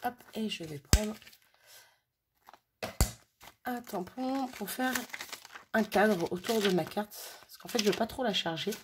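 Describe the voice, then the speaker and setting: A woman's voice: mid-range voice, moderate pace, noisy background. A mother chatting casually as she makes a card at home, thinking aloud while she works. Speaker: crafting vlogger. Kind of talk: casual crafting tutorial chat. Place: home craft table on a sunny day.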